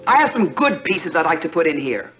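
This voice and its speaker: A woman's voice: sits low, very animated, a little fast, fairly bright tone. An actress playing a haughty, condescending woman looking over a house to rent, in a 1960s TV sitcom. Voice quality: affected, condescending. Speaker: snooty prospective tenant. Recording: dull old TV soundtrack with music and laughter.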